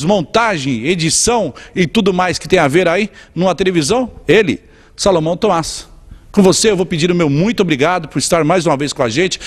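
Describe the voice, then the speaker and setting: A man hosting a community TV program, interviewing a guest and signing off in a lively presenter manner. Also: sits high, long reverb tail. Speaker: TV show host. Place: community TV studio.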